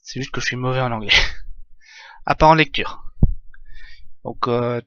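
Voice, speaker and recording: A man streaming a strategy game live, explaining his moves in a halting way full of fillers. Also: medium pitch, fairly bright tone, clean tone, no echo, highs cut off. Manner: hesitant, many fillers, halting English.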